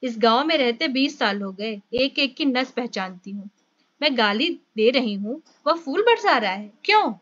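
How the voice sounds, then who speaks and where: A woman voicing Dhaniya, a fierce, sharp-tongued peasant wife who scolds and hurls insults. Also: a little high, lively intonation, a little slow, no echo, lo-fi sound. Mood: scolding.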